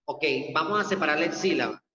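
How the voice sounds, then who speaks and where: Male teacher, online class, slow methodical delivery, dull boomy reverb. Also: expressive, pushed and bright, a little hiss or hum. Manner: slow, methodical step-by-step explaining. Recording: echoey dull lo-fi room audio.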